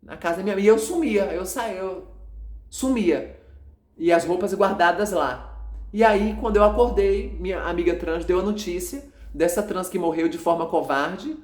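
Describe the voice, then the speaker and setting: A man with a Brazilian accent who runs an evangelical channel, recounting a dream to his followers in an agitated, halting, repetitive way. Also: high-pitched, roomy sound. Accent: Brazilian Portuguese.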